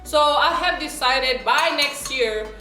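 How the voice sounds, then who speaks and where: A young woman from South Sudan eats and talks casually to her vlog audience, checking in with them often. Her voice is high, slow and sharp-toned, recorded in a roomy space with faint background music.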